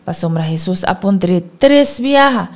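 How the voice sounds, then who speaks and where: A woman reading a Bible story aloud in a steady, careful way. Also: fairly low pitch, slow pace.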